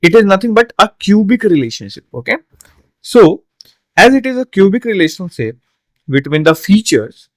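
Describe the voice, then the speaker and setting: A man's voice: high voice, very animated, moderate pace, no room sound. A man tutoring an exam solution, explaining step by step with frequent fillers and tag questions, a little tired. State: yawning, tired. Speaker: online tutor.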